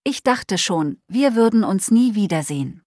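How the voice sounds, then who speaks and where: In a clean studio recording with no room sound, a woman with a mid-range, slightly mellow voice reads a Christmas storybook, voicing a grown son and a young father. Her intonation is lively, her pace moderate, and her tone earnest, apologetic, and remorseful, close to an everyday voice.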